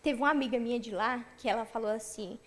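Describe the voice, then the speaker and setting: A young woman giving a personal testimony at church, telling her story with lively acted-out dialogue. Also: fairly high pitch, quick pace.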